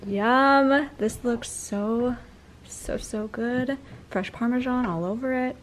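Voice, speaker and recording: A woman's voice: on the high side, slow, a little hiss or hum. A young woman vlogger talking casually to the camera, full of "like" fillers. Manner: chatty, filler-heavy with frequent "like".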